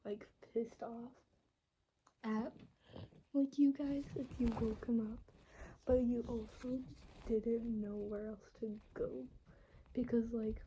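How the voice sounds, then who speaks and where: Slow, dark-toned woman rambling a role-play. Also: on the high side, lo-fi sound, a little hiss or hum. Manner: rambling, full of "like" fillers, drifting in and out of whisper. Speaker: voice actor. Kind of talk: improvised listener role-play narration. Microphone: phone.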